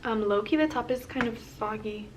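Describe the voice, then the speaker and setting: A woman's voice: on the high side, brisk, recorded from a distance, background noise. A woman chatting casually in an eating vlog, loose and full of ums and likes. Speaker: vlogger.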